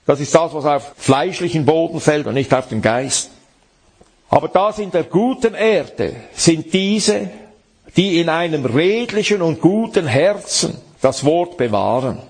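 A man's voice: on the high side, animated, measured pace, darkish tone, husky. A man preaching a sermon, emphatic and addressing the listener directly, reading and explaining scripture.

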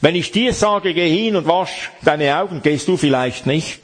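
Husky-voiced man preaching a sermon. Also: a little high, animated, normal speed. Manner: preaching, reading scripture aloud and explaining it.

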